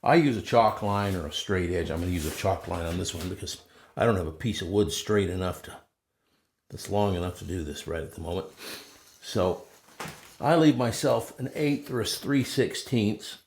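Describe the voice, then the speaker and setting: A man's voice: low-pitched, moderate pace, slight background noise. A man casually demonstrating a woodworking technique in a folksy, self-deprecating way while he works.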